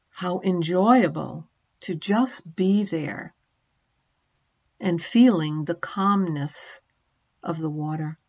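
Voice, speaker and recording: Narrating a guided meditation, a middle-aged female teacher uses a lowish voice and gentle, short, measured phrases with long pauses, while the recording has its highs cut off.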